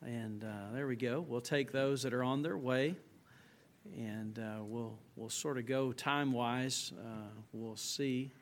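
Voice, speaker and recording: Laid-back guy running a chapel service, lots of uhs, mid-pitched voice. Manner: relaxed, easygoing, with frequent fillers. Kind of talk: casual announcements at a service.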